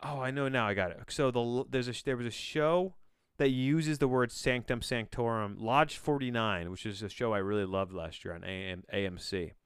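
This podcast host reads aloud casually on his solo show, his mid-range voice a bit bright, clear and resonant at a normal speed. He keeps interrupting himself with bemused, rambling asides and swears casually. The studio sound is clean, with no echo.

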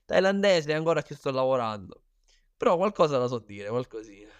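Clear-voiced Sicilian man telling his story. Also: medium pitch, very animated, a little fast, no room sound, highs cut off. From Sicily, Italy. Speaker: interview guest, professional Muay Thai fighter. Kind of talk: casual first-person storytelling in an interview.

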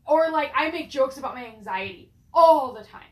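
Female co-host, casual chat, slightly high voice, swears freely, stammers, roomy echo. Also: expressive, moderate pace, darkish tone.

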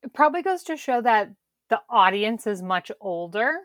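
A woman's voice: a little high, very animated, moderate pace, a bit bright, no room sound, studio quality. A woman co-hosting a podcast, recapping a TV episode in casual, wry chat. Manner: wry, quotes characters in mocking voices. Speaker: podcast co-host.

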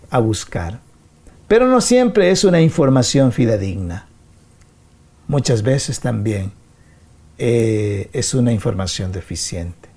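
Mellow-voiced man presenting a workshop. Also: medium pitch. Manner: explanatory, poses rhetorical questions. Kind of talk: informal lecture over a video call.

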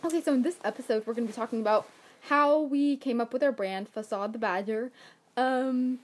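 A woman's voice: fairly high pitch, fairly quick. A young teenage girl co-hosting a casual podcast, giggly and rambling with lots of filler words. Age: young teen. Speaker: podcast co-host. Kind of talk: casual chat.

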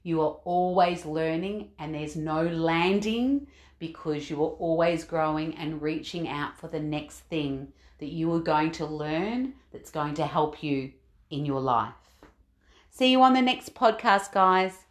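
A woman's voice: deep voice, unhurried. A woman hosting a motivational coaching podcast, speaking in an earnest, encouraging way and repeating her key phrases. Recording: echoey room.

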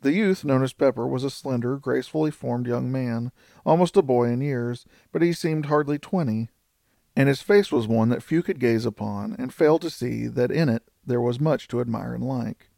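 Male storyteller, gravelly, close and dry, steady read. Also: mid-range voice, normal speed, no echo. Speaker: audiobook narrator. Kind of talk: scripted narration.

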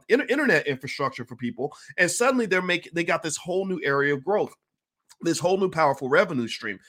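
A man talking to camera as a host in an energetic, emphatic way, repeating key words and clearing his throat now and then. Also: on the high side. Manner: clears throat and coughs between points. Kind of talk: casual talk to camera.

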